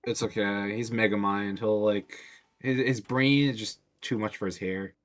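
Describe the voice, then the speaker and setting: A man's voice: fairly low pitch, fairly even intonation, moderate pace. A man who develops a game mod, chatting loosely on a stream with lots of fillers and casual swearing. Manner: rambling, loose talk full of fillers and swearing.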